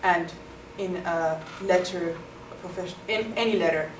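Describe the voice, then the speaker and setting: A young South African woman, an international student whose first language is Afrikaans, gives interview answers in a low voice at a moderate pace. She sounds thoughtful and explanatory, using many ums. The recording is noisy and echoey, captured in an echoey room far from the mic.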